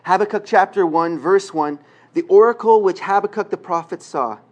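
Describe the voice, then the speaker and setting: A high-pitched man speaking at normal speed serves as guest preacher. Middle-aged, from Quebec, and Canadian-accented, he delivers a conversational sermon with self-deprecating humor, jokes, and prayer.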